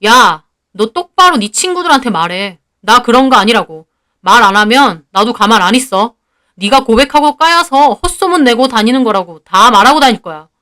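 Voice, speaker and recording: Woman voicing an angry teenage boy, indignant, forceful outbursts, storybook reading. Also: on the high side, lively intonation, moderate pace.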